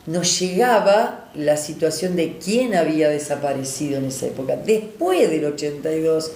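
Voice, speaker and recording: A woman's voice: sits low, lively intonation, normal speed, dark tone. A woman in her sixties with a Rioplatense accent, a doctor recalling her past in a reflective, hesitant way. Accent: Rioplatense Spanish. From Argentina. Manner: reflective, with hesitations and tag questions. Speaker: doctor interviewee. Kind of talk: oral history recollection. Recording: roomy sound with faint noise.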